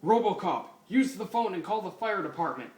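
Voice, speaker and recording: A man voicing a gruff male vigilante hero who blurts out curses, read in a roomy room from a distant mic. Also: sits high, very animated, normal speed, pitched above the performer's own voice. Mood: urgent. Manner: blurting, cursing bluntly.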